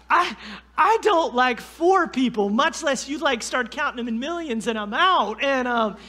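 High, bright, animated preacher. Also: male voice. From North Carolina, USA. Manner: animated, self-deprecating, frequent restarts and fillers. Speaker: guest preacher. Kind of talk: sermon storytelling. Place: church sanctuary.

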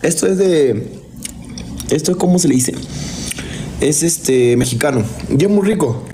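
A man's voice: fairly high pitch, expressive, a little slow, dark tone, a little hiss or hum. A man hosting a live stream, hyping his viewers and thanking supporters by name. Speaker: livestream host. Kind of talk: TikTok live stream chat.

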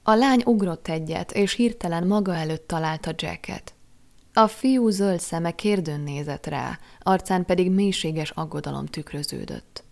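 A woman narrating an audiobook in a measured, expressive storytelling manner. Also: lowish voice, creaky. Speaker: audiobook reader.

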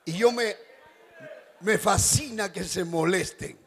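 A middle-aged man, a pastor preaching a joking wedding sermon as an animated storyteller who bursts into shouts. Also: high voice, slow. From Ecuador.

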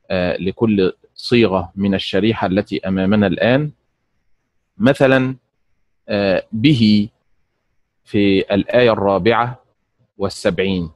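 A man teaching the stress patterns of Quranic recitation, speaking in a measured, deliberate way and repeating each pattern slowly. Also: on the low side, no echo, lo-fi sound. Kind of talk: scripted lesson with slow demonstrations.

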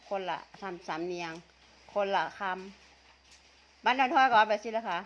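A vlogger with a mid-range voice speaks a little slowly on a muffled recording. She has an Isan accent from northeastern Thailand, specifically Tai Yo, and chats casually and teasingly while eating, laughing often.

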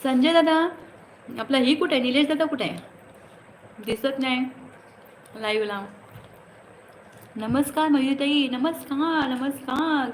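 A woman with a high-pitched voice hosts a casual livestream from her phone, reading comments, greeting viewers by name, and teasing them as she chats. The audio is poor, with slight background noise.

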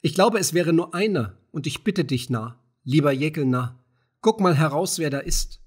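A man's voice: a little high, lively intonation, moderate pace, husky. A man voicing a timid, anxious gatekeeper who pleads in hasty, sighing bursts, in an audiobook reading.

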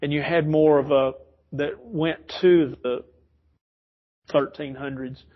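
A man's voice: on the high side, steady tone, slow, phone-quality sound. A man teaching an informal Bible study in a church, rambling and correcting himself as he explains. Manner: rambling, self-correcting, chuckles often. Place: church classroom.

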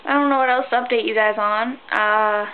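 A sixteen-year-old girl vlogging at night in her bedroom, rambling and tired, with sudden squeals of excitement. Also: on the high side, a little fast. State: tired, sleepy. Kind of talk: rambling casual vlog. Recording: tinny phone-like sound, faint hiss.

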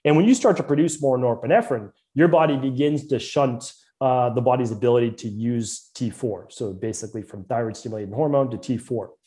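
A man with a Boston accent and a medium-pitched, dark voice speaks fairly quickly with hardly any pauses. He's a naturopathic doctor appearing as a podcast guest, earnestly explaining hormones and lab testing in fluent detail, often restarting phrases.

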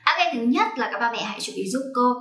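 A woman's voice: fairly high pitch, expressive, fast talker, a bit bright, echoey room. A woman teaching English pronunciation to parents and children, coaxing and checking along as she goes. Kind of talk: online phonics lesson for parents and children.

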